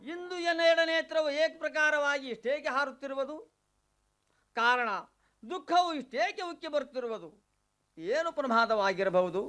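An anxious young demon son. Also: male voice, very high voice, moderate pace, bright, forceful tone. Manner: anxious, questioning, declamatory. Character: young demon son, worried about his mother. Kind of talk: mythological radio play acting.

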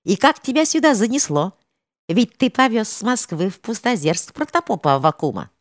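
A woman doing a loud, tipsy soldier. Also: mid-range voice, moderate pace, no echo, clean studio sound, voice pushed up, lightly acted. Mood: boisterous tipsy. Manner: loud, excited, a bit drunken. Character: young man, boisterous tipsy streltsy soldier.

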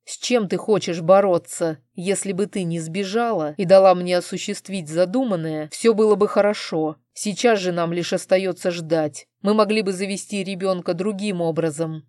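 A woman reading the part of a grown husband, desperate and grieving, who speaks in a hoarse, pleading voice in a storybook reading. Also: fairly low pitch, darkish tone, no room sound, studio quality, close to an everyday voice.

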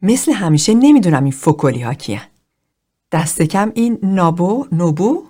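A woman reading a frank, halting young man. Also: on the low side, big pitch swings, mellow, breathy edge. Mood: candid. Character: plainspoken self-conscious young man.

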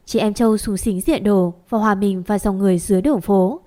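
A woman narrating a story aloud in a calm, even reading voice. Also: mid-range voice, quick pace.

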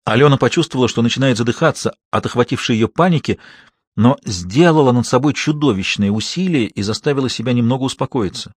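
Husky-voiced male audiobook narrator. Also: mid-range voice, fast talker, no room sound, clean studio sound. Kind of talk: scripted narration.

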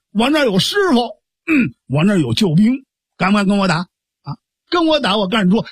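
A man voicing a spoiled, brash young brother who taunts and boasts loudly, with a husky voice. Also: very high-pitched, no room sound, clean studio sound, heavily acted.

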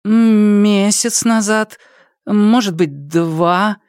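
A flighty young woman singer, as a male narrator puts her on in an audiobook, high-pitched and whiny, her voice swooping widely up and down. She pleads tearfully and gets flustered easily. The recording is close and dry. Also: big pitch swings, measured pace, dry recording. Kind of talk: audiobook character voice.

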